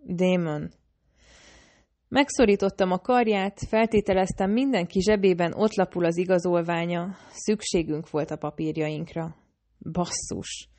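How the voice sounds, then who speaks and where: A woman narrating a novel in the first person, reading in a steady, measured way. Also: fairly low pitch. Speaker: audiobook narrator.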